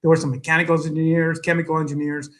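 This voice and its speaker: At an event, a middle-aged man from El Salvador delivers an earnest guest speech in Spanish-accented English, his fairly high voice level and a bit bright. He halts frequently on fillers while collecting his thoughts and sometimes switches into Spanish.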